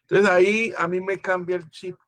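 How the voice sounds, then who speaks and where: Colombian guest lecturer, fairly high male voice, dry close sound, thoughtful and searching. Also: flat delivery, normal speed, fairly bright tone, no echo. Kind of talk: conference talk.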